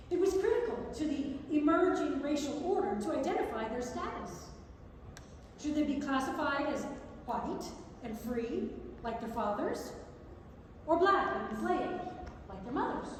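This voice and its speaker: In a large indoor theatre, a woman gives a staged reading of non-fiction prose, captured from a distance so the echo is strong. Her voice sits high, and there's a little hiss or hum.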